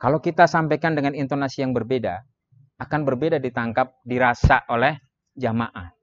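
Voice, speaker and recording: A man's voice: mid-range voice, no room sound, highs cut off. Man teaching speech with emphatic rises. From Indonesia. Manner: lively teaching delivery with sudden emphatic rises, drawn-out demonstration phrases. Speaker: Islamic preaching trainer. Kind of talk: training lecture on public speaking.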